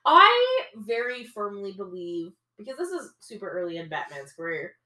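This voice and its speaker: Woman, bright, animated podcast co-host, frequent laughs, echoey room. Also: mid-range voice, moderate pace. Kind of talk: casual chat.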